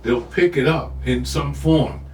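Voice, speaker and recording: A man's voice: mid-range voice, measured pace, a little hiss or hum. Older man telling stories in an echoey room. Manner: reflective storytelling with many "you know"s. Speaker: podcast co-host. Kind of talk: casual chat. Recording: echoey room, mic at a distance.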